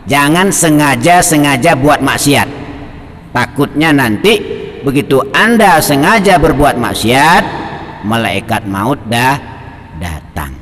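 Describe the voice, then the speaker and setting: A male Islamic preacher, teaching and telling a story in a lively, colloquial manner, quoting Arabic. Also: mid-range voice, slow pace, big-room sound, a little hiss or hum. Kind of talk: sermon on a classical text.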